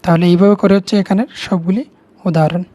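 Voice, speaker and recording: A woman's voice: fairly low pitch, steady tone, fast, dark tone, slightly rough. A woman with a Bengali accent, patiently explaining English grammar to students step by step, repeating key words. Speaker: teacher.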